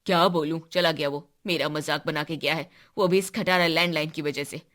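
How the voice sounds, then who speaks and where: A woman's voice: steady tone, fairly bright tone. Woman voicing a sulky teenage boy. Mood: angry. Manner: low and sulky, quick to snap. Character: teenage boy, proud, touchy about home.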